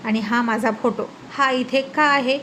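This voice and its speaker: Lady voicing a grumpy young husband, snappy, yells a lot, still high-ish. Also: steady tone, a little slow, slight background noise. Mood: angry. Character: irritable young husband, quick-tempered, scolding.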